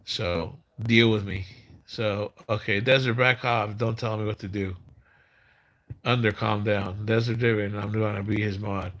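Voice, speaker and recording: A man's voice: fairly low pitch, little pitch movement, a bit bright. Guy in his 50s rambling on a livestream, kinda slurred and mumbly like his tongue's numb, repeats himself. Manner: halting, repeats words, street-casual phrasing. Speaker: live stream host. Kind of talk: casual rambling live-stream chat.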